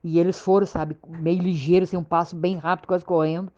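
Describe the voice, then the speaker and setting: Low mellow southern brazilian lady telling a spooky true story, halting and repeating herself, muffled lo-fi sound. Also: flat delivery. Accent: Southern Brazilian, Rio Grande do Sul. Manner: halting, repetitive, keeps asking "sabe?". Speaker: storyteller recounting a frightening experience. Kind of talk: casual spoken personal account. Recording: dull lo-fi recording.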